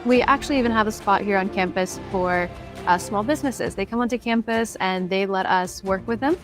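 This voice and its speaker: A woman's voice: medium pitch, brisk. Chatty woman student over music. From United States. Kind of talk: promotional testimonial.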